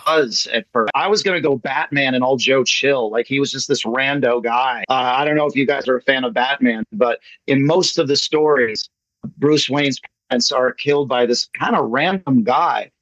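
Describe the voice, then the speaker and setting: An American man's mid-range, slightly bright voice moves at a moderate pace with no echo. He is a playwright at an online meeting, presenting his play in a casual, enthusiastic chat full of jokes. The recording has muffled, lo-fi meeting sound.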